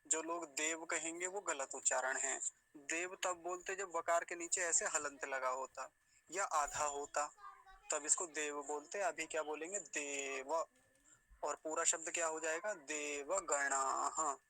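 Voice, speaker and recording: A man teaching Sanskrit pronunciation, sounding out words slowly syllable by syllable. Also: a little high, pushed and bright, poor audio. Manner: slow syllable-by-syllable demonstration. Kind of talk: recitation lesson.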